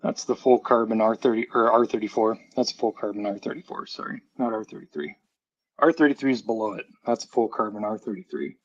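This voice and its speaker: A man's voice: fairly low pitch, brisk. A man chatting casually on a live stream through a headphone mic, his voice hollow and muffled as if talking through a tube. He rambles and corrects himself often. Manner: rambling, chatty, with many fillers and self-corrections. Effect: muffled, hollow sound as if talking through a tube, from a headphone mic. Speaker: streamer showing a die-cast model car collection. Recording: dull, muffled headset mic.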